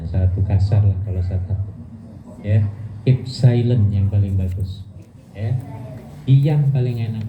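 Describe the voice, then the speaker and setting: A man's voice: fairly low pitch, slight background noise. Playful man teaching religion. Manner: playful, questions the audience and has them answer; laughs often, acts out insults. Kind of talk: religious study lecture to a women's group. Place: mosque hall. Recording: echoey, tinny phone-like sound.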